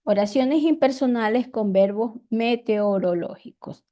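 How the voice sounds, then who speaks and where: Ecuadorian woman teacher, unhurried and methodical, a bit high-pitched, for a grammar lesson. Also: mellow. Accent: Ecuadorian Spanish. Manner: slow, deliberate, repeats examples.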